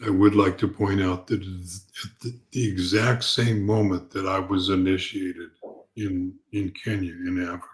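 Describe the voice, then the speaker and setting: A man giving an unscripted spiritual talk as a teacher, calm, gentle and reflective, speaking haltingly and repeating words as he goes. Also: low voice.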